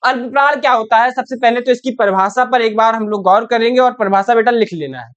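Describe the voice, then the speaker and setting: This teacher talks fast, her voice on the high side with a clean tone, while the recording has its highs cut off. She runs an online Hindi spelling lesson for 9th graders, repeatedly asking questions, saying "theek hai," and calling the students "beta."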